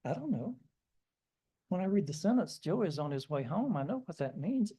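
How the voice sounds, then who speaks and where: Older guy preaching, folksy funny stories about himself, kinda high mellow voice. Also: big pitch swings, moderate pace, husky, low-quality recording. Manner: folksy, self-deprecating anecdotes. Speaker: guest preacher. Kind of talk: storytelling sermon.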